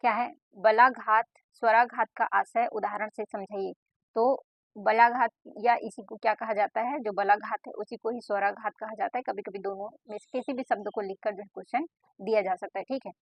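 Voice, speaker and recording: A woman's voice: mid-range voice, steady tone, moderate pace, no echo. A woman teaching an exam-prep lesson in a casual spoken style, explaining step by step and answering her own questions. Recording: dry, dull lo-fi voice-over.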